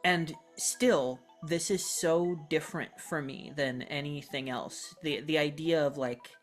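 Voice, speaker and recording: A podcast co-host in their thirties talking reflectively and casually, halting and self-correcting as they go. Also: mid-range voice, faint music behind. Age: 30s. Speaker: podcast co-host and role-playing game player.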